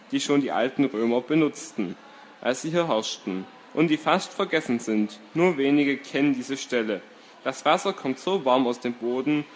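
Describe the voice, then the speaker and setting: A man's voice: medium pitch, slight background noise, natural voice. A man voicing Hannes, a cheerful, loyal young friend in a read-aloud story, easygoing and reassuring.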